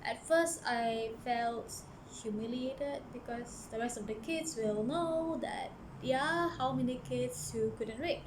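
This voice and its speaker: A young Malaysian woman, a book vlogger, tells a personal story in a casual vlog from a church office. Her slightly high voice is earnest and hesitant, and she often stops to restart sentences, yet she speaks slowly with hardly any pauses. Clear background noise runs beneath her.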